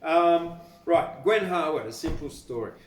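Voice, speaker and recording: Speaking unhurriedly in an animated voice on the high side, an older Australian poetry podcaster mixes blunt, rambling commentary with expressive readings. His informal talk echoes around the room over faint background noise.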